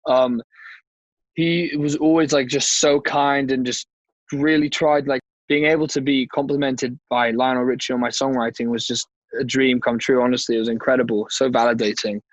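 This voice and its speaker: A man's voice: medium pitch, flat delivery, moderate pace, no echo, muffled recording. A nineteen-year-old man, a singer, answering interview questions modestly with hesitations. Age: 10s. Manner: modest, hesitant, with restarts and fillers. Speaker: singer guest. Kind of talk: casual interview chat.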